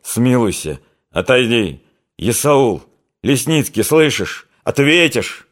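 A man's voice: mid-range voice, sing-song, takes it slowly, a bit bright. A man voicing an earnest rustic Cossack soldier who speaks in folksy, impassioned phrases, in an audiobook reading. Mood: pleading.

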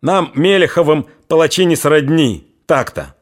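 Stern old Cossack patriarch, firm and commanding, voice raised high , as the narrator puts him on. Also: male voice, lively intonation, measured pace. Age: older.

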